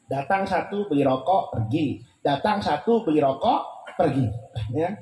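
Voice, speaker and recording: A male preacher telling a funny story in a sermon, joking and animated as he retells it. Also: on the high side, measured pace. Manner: lively, jokey, animated retelling. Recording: roomy with faint hum.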